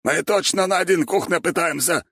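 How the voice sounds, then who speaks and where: A man voicing a huge, boastful strongman who wheezes and strains with a hoarse voice in a storybook reading. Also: high voice, normal speed, fairly bright tone, no room sound, studio quality, pitched above the performer's own voice, heavily acted. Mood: straining.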